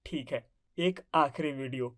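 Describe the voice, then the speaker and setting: A woman's voice: a bass voice, measured pace. A woman voicing a shy young husband who grumbles and tries to placate his wife. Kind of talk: family drama acting.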